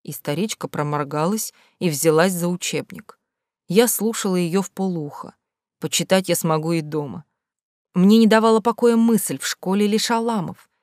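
A woman reading a first-person novel aloud with expressive, measured storytelling. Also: fairly low pitch, no echo, clean studio sound. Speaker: audiobook narrator. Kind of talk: first-person audiobook narration.

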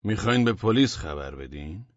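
A man voicing a weary, mild-mannered male burglar in a story reading, speaking calmly and without worry. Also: low voice, no echo, dull audio. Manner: calm, weary, unbothered.

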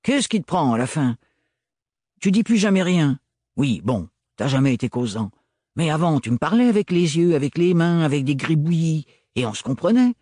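Man voicing a gruff slangy valet, grumbling, raised pitch, loud and dry, audiobook character. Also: sing-song, moderate pace, no room sound.

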